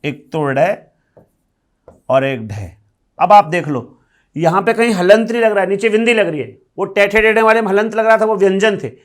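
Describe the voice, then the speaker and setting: A man's voice: high-pitched, lively intonation, moderate pace. A male Hindi grammar teacher giving a classroom lecture, explaining step by step, asking questions and answering them himself, and repeating key terms.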